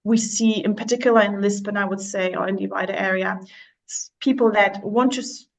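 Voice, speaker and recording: A woman's voice: mid-range voice, fairly even intonation, fairly quick, vocal fry, rough recording. Woman from Slovakia, real estate agent, casual interview, chatty, lots of ums and restarts. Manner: chatty, many fillers and restarts.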